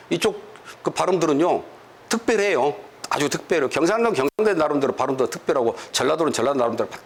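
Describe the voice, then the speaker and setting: A man giving a motivational lecture to business distributors, telling stories and asking the room rhetorical questions, sometimes acting out quarrels in dialect. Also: on the high side. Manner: animated storytelling with rhetorical questions; acts out dialect quarrels in quoted voices.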